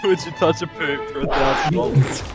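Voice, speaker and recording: High-voiced man reacting over loud music. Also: fairly even intonation, fairly quick. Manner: reactive, short exclamations, laughs often. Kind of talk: casual gaming chat with friends.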